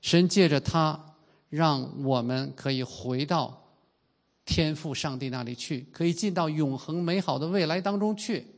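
A man in his fifties, from China, delivers an earnest sermon in a voice a little higher than most men's. He slows right down and draws out the key phrases. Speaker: pastor.

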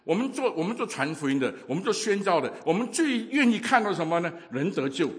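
A man preaching a sermon, telling a story with lively acted-out voices and many hesitations. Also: high voice, fast talker, big-room sound.

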